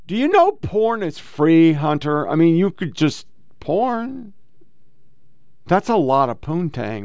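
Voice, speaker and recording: Clear, higher-pitched blunt American man. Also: no echo. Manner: blunt, sweary. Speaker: host. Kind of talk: casual profane commentary.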